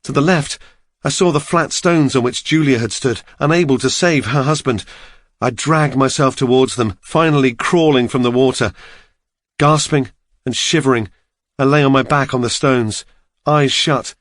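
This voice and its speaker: A man narrates an audiobook in the first person with a steady, measured delivery. His voice sits in a middle range. The recording is close and dry. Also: mid-range voice, no echo.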